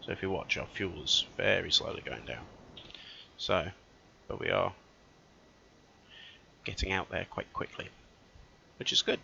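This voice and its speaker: A man's voice: deep voice, expressive, a little slow, gravelly, pauses often, sharp tone, slight background noise. A man giving casual let's-play commentary, thinking aloud as he plays and often correcting himself mid-sentence. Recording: dull lo-fi recording.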